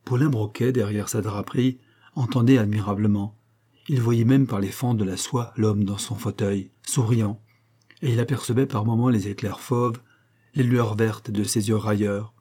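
A man narrating a novel in a measured, steady reading style. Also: lowish voice, breathy edge. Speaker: audiobook narrator. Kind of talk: scripted narration.

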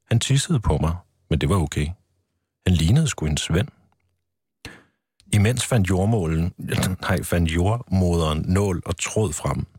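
Deep husky guy reading his book out, calm, dry studio. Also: no echo. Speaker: author guest.

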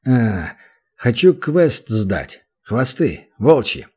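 A man's voice: mid-range voice, sing-song, extremely slow, mellow, husky, full character voice. A man voicing a sly, mocking male demon hero who drawls dry, teasing remarks, in an audiobook.

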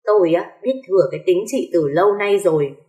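A woman's voice: lowish voice, animated, brisk, warm tone, close to an everyday voice. A woman voicing a spiteful, sneering young sister-in-law in an echoey room.

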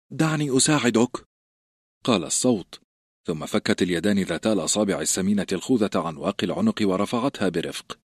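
Male audiobook narrator, dry close recording, lively intonation. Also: sits low, slightly rough, no echo. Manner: expressive storytelling. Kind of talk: scripted narration.

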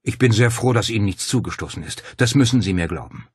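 A man's voice: on the low side, animated, quick pace, husky, dry recording, studio quality. A man voicing a courteous, anxious older clergyman in an audiobook, polite and solicitous in manner. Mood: concerned. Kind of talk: audiobook character voice.

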